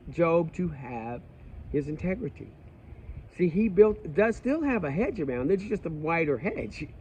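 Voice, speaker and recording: A man's voice: a little high, a little mellow. Man giving a loose Bible study talk. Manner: reads scripture aloud then explains in loose, restarting speech. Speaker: Bible teacher. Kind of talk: informal Bible study commentary. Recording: dull lo-fi sound with faint background noise.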